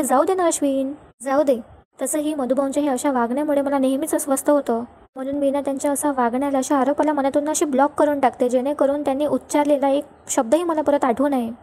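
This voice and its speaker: A woman's voice: sits high, fairly even intonation, fast talker, mellow. A woman recapping a television serial episode, retelling each scene and reading the characters' lines in her own voice. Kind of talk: fast storytelling recap with quoted dialogue.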